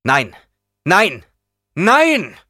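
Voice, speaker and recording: A man voicing an anguished, bitter teenage boy who cries out in strained, high tones. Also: moderate pace, pushed and bright, husky, dry recording, studio quality, heavily acted.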